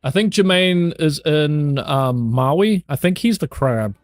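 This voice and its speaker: A young man with a New Zealand accent chats with his stream viewers in a loose, jokey way, swearing freely. His voice sits a little on the high side. The recording is dry and close, with no room sound. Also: expressive, slow pace, no echo. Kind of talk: casual chat.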